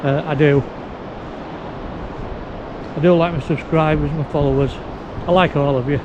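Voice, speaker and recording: A man's voice: on the high side, steady tone, normal speed. A man vlogging casually outdoors on a windy beach, his speech impeded by a sore mouth and new teeth, as if he has toothache. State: sore mouth, in pain after tooth extraction. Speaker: video blogger. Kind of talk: casual outdoor vlog, talking to camera. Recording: windy, noisy, muffled outdoor audio.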